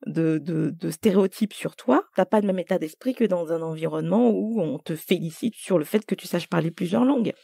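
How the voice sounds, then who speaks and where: Husky, gravelly-voiced woman chatting. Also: fairly low pitch, fairly quick, few pauses, no echo, studio quality. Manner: animated, emphatic, thinking aloud with fillers. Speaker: podcast co-host. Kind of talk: casual conversation.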